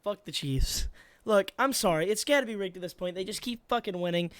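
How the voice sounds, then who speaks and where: A man's voice: high-pitched, fast talker, a bit bright, no echo, clean studio sound. A tired young man co-hosting a casual chat, rambling and swearing with lots of fillers. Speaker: co-host.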